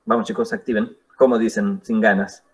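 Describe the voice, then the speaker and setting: A man teaching an English class, explaining slowly and patiently with spoken examples. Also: fairly low pitch, fairly even intonation. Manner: slow, patient explaining with demonstrations. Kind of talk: classroom lesson.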